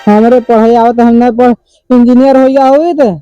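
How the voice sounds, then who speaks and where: A man's voice: very high voice, flat delivery, moderate pace, dark tone, lo-fi sound, faint music behind. A man with an Awadhi accent playing a henpecked villager in a rustic comedy sketch, pleading and wailing theatrically.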